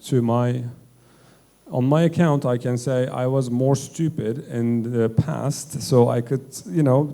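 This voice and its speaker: A man speaking as a panelist at a fireside chat, earnest and halting, often rephrasing mid-sentence. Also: medium pitch, dark tone.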